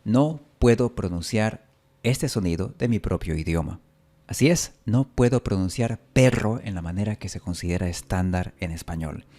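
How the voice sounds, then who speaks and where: A man with a somewhat low voice talks straight to the camera in a casual vlog. He explains things patiently and then repeats practice words over and over. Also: expressive, normal speed, dark tone. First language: Spanish. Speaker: vlogger documenting learning to trill R. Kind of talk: casual first-person vlog.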